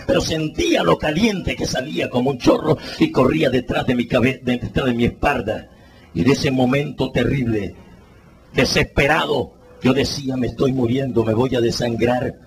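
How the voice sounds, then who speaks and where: A man giving a dramatic spoken testimony as a preacher, telling it earnestly and rising into anguished pleading shouts. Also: mid-range voice, noisy background.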